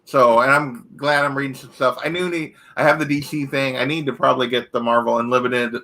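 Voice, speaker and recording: A man's voice: mid-range voice, steady tone, brisk, sharp tone, low-quality recording. A man chatting as a guest on a video call, hesitant and full of trailing thoughts. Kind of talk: casual chat on a video call.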